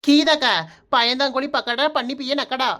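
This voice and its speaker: A high cartoon voice that a woman puts on for a bossy young village girl who teases the older women. Her speech carries a Kanyakumari Tamil accent. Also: steady tone, normal speed, bright, forceful tone. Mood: cheeky. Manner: teasing, bossy.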